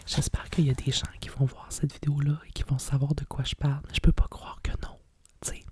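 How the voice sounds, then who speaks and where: A middle-aged woman with a Quebec French accent whispers softly and breathily in a nostalgic, rambling ASMR style, like a hushed library whisper. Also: low-pitched, little pitch movement, a little fast, breathy edge, no room sound. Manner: hushed, nostalgic rambling with frequent conversational tags. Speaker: ASMR host. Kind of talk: whispered ASMR chat about vintage books.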